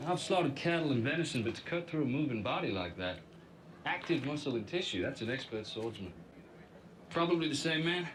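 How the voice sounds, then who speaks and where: An actor playing a wry police sergeant with a Southern US accent, in TV drama dialogue. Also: male voice, mid-range voice, animated, a little fast, a bit bright, a little hiss or hum, lightly acted, rough recording. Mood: clinical.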